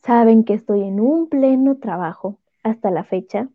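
A woman's voice: a little high, moderate pace, no echo. Chatty Mexican woman, tinny sound. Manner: chatty, opinionated, animated. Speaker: podcast co-host. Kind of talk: casual chat.

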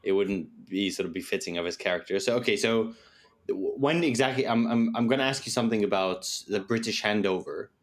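Inquisitive low-voiced man. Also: brisk. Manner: inquisitive, asks follow-up questions and sums up. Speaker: podcast co-host. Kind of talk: casual interview conversation.

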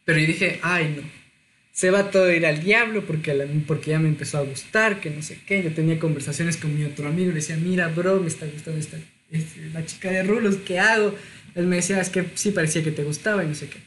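A man, telling a personal story in casual chat, lively and self-mocking. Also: a little high, quick pace, a little hiss or hum. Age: 20s.

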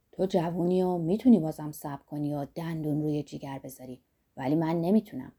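A woman voicing a rough, lusty old man who talks bluntly and boastfully about life and age. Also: low-pitched, mellow, pitched below the performer's own voice. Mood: defiant.

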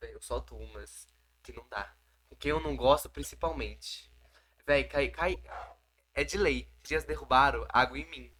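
A man's voice: medium pitch, moderate pace, sharp tone. A teenage boy with a sore throat co-hosting a podcast, full of slangy joking banter. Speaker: podcast co-host. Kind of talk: casual chat.

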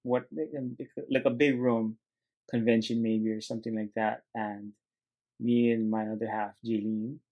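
A man's voice: lowish voice, flat delivery, unhurried, muffled recording. A man hosting a motivational podcast alone, talking earnestly and loosely to his listeners, circling back and restarting his thoughts. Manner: earnest, rambling, addresses listeners as guys. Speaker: podcast host.

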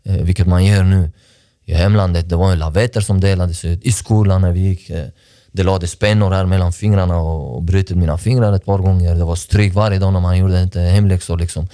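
Man, low pitch, warm dark tone, reflective, earnest, halting restarts, podcast guest. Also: steady tone, no echo, studio quality. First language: not Swedish. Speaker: podcast guest, sports director. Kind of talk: personal interview talk.

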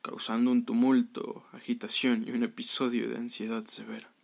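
A man reading a scripted story aloud in a hushed, dramatic way that sometimes sinks to a whisper. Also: medium pitch, monotone, normal speed, creaky. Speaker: narrator.

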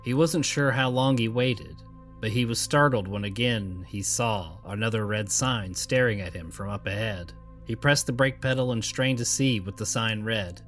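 A man narrating a scary story in a calm, measured voice. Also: fairly low pitch, faint music behind. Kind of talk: scripted narration.

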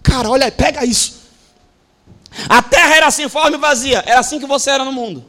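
A man with a Brazilian accent preaching a sermon at a church service. His delivery is emphatic and repetitive, swinging from hushed lines to shouts. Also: very high voice, a little fast. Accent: Brazilian Portuguese. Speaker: pastor.

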